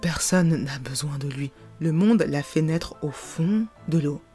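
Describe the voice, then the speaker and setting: Animated podcast host. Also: mid-range voice, measured pace, soft background music. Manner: animated, rhetorical, laughs often. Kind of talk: casual commentary monologue.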